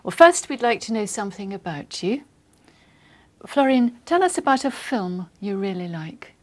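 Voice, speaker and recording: A woman acting as examiner, reading scripted test instructions in a formal, measured, polite way. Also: medium pitch, lively intonation.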